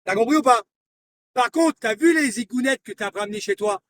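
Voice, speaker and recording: A man with a very high speaking voice delivers a confrontational live-stream rant, taunting and hammering the same lines over and over. He sits some way back from the mic, and a faint hiss of noise runs under his voice. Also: animated, a little fast, a bit bright, distant mic. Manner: confrontational, repeats himself, taunting. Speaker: livestreamer.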